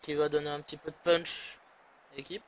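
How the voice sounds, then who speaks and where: A man's voice: fairly high pitch, level tone, brisk. A man from France giving sarcastic, grumbling commentary while playing a football management game. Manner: sarcastic, grumbling, swears often. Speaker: gaming YouTuber. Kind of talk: casual let's-play commentary.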